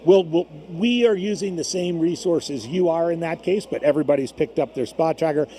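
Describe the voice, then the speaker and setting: Guy doing casual race commentary, kinda high warm voice, little bit of noise in back. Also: normal speed. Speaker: race co-commentator and former competitor. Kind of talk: conversational live race commentary. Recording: faint background noise from gym. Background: gym with runners gathering.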